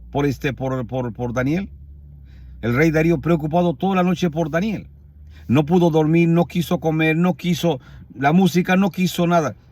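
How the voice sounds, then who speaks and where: A man's voice: fairly high pitch, darkish tone, no room sound. A man preaching a sermon, retelling a scripture story with emphatic repetition and rhetorical questions.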